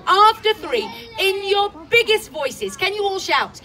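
Cheery high-voiced children's show presenter. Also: female voice, big pitch swings, unhurried, pushed and bright. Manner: cheery, coaxing call-and-response with children. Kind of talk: live children's show hosting. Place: outdoor farm show stage. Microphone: filmed from audience at a distance. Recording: distant audience-filmed live show. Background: crowd of children and music.

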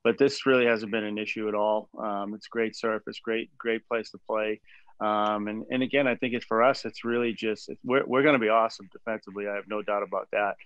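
A man in his forties, a head baseball coach, answering press questions after a game in a measured way with many fillers and restarts, over a video call from a small room. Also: fairly low pitch, fairly even intonation, a bit bright, clear, resonant tone, no echo. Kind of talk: postgame press conference. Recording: dull dry video call audio.

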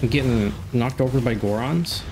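A young gameplay commentator, stuffed up from a cold, gives chatty, jokey let's-play commentary with excited outbursts during fights. His mid-range voice moves at normal speed over a desk microphone, with background noise present.

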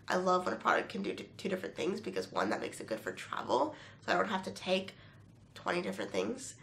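A young woman vlogger talks to camera with the stuffy, nasal voice of a bad cold. Her tone is gravelly with vocal fry, and she rambles along in a chatty, apologetic way. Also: mid-range voice, a bit bright. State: sick, congested nasal voice. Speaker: beauty vlogger. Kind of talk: casual chat to camera.

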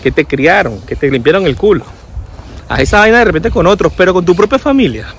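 A man's voice: high-pitched, animated, brisk, slight background noise. A man giving casual sarcastic commentary, often mimicking people. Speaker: vlogger.

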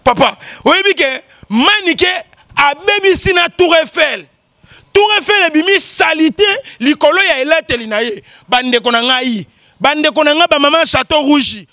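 A man with a very high, bright voice hosts the show with lively commentary. He teases and jokes, often stopping to exclaim and laugh. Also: moderate pace, dry recording, clean studio sound. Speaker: show host. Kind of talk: animated commentary.

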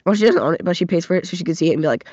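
A young man with a noticeably high voice jokes around with a friend, giggly and pushy as he eggs him on. His voice comes through a dry, dull, lo-fi call mic. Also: animated, very fast, darkish tone, no room sound. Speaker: co-host on a call. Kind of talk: joking casual chat.

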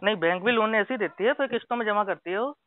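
A man's voice: high voice, rapid-fire, dry recording. A man arguing with a loan collector over the phone, insistent and argumentative. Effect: heard over a phone line. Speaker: borrower on a phone call. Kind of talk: heated phone call. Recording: tinny phone-line recording.

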